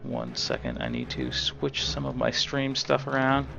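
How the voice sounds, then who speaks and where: A man with a raspy voice giving casual, chatty live commentary on a game as an esports caster. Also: mid-range voice, sing-song, unhurried, muffled recording, over music. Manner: casual, chatty play-by-play with fillers.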